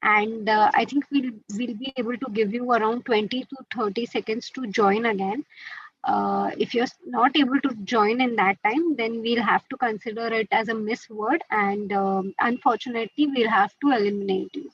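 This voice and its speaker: Her voice on the high side with a breathy edge, an Indian-accented woman runs through quiz rules for students on a webinar, switching between Hindi and English amid plenty of fillers. She speaks at normal speed with fairly even intonation, and the video call audio is lo-fi.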